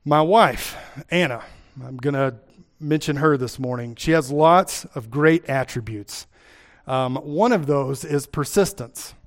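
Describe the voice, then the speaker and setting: A man's voice: medium pitch, measured pace. A man from Kentucky with an Appalachian accent, preaching a sermon and teaching from scripture, repeating key phrases for emphasis.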